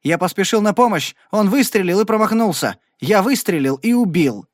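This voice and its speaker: A man's voice: high-pitched, lively intonation, moderate pace, no echo, clean studio sound, pitched above the performer's own voice. A man reading an audiobook and voicing an earnest, stubborn young cowboy who speaks emphatically. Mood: protesting. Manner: emphatic, pleading.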